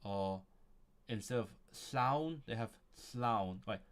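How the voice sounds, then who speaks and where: Speaking slowly in a low voice, a man livestreams himself studying a language, reading textbook passages and musing aloud with plenty of chuckles along the way.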